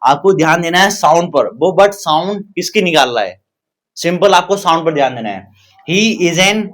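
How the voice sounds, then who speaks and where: A man's voice: a little high, fairly bright tone. A man with an Indian English accent teaching a grammar lesson, repeating words and asking rhetorical questions. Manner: repetitive, asks rhetorical questions to students. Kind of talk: classroom-style grammar lesson.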